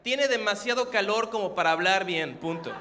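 A young man from Acapulco doing stand-up on a theater stage with a dry, deadpan, self-deprecating delivery. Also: sits high, moderate pace, in a large hall, background noise. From Acapulco, Mexico. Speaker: stand-up comedian. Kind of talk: stand-up comedy. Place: theater stage before a live audience.

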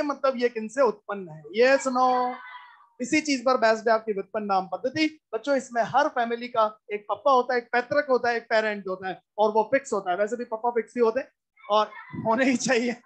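A woman's voice: fairly high pitch, a little fast. A woman teaching a live class in a lecture, repeating key points and constantly quizzing her students. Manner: repetitive, drilling explanations.

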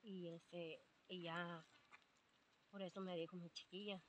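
A woman's voice: fairly low pitch, flat delivery, unhurried, slight background noise. An older woman with a Mexican accent, telling her story in a rambling way with many fillers, quoting what others said. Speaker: interviewee. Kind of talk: casual storytelling.

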